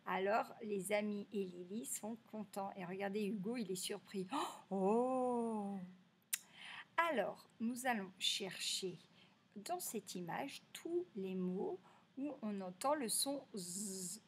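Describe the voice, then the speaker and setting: A woman teacher giving a slow, clearly articulated reading lesson for young children, stretching out key words. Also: medium pitch.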